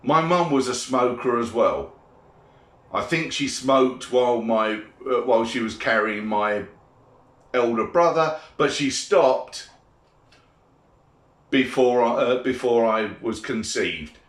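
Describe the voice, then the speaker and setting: Grumpy, slow-talking British man ranting. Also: mid-range voice, fairly bright tone. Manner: grumpy old man grumbling, blunt and sweary. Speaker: vlogger giving opinions. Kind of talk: opinionated monologue rant. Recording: echoey room.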